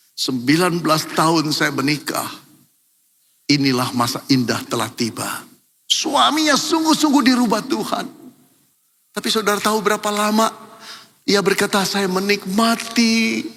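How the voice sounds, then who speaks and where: An older man preaching a sermon as pastor, telling a story and moving between hushed and emphatic passages. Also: high voice, gravelly, slight background noise. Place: large church hall. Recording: long church hall reverb.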